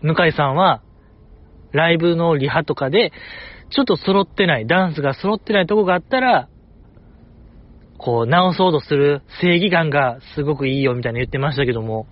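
Kansai-accented male podcast host, lively and chatty, raised pitch, a bit of a dull lo-fi recording. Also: brisk. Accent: Kansai Japanese. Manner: lively, chatty, repeats himself for emphasis. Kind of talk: solo casual chat.

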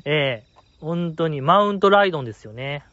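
A man's voice: a little high, normal speed, no room sound. A man with a Kansai accent hosting a podcast, chatting casually and playfully about listener mail. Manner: lively, playful commentary with frequent laughs. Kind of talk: casual chat. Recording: dull lo-fi, dry.

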